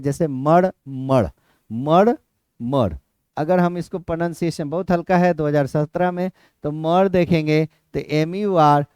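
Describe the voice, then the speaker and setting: A man's voice: on the high side, mellow, clear, resonant tone, no room sound, clean studio sound. A male exam-prep teacher with a Bihari Hindi accent explains a lesson to students, repeating points and checking whether they understood.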